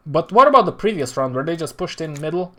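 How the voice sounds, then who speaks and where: A man's voice: on the high side, big pitch swings, fast, pushed and bright. Exasperated male streamer analyzing match replays. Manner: exasperated, rambling with frequent sighs. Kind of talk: live-stream match commentary.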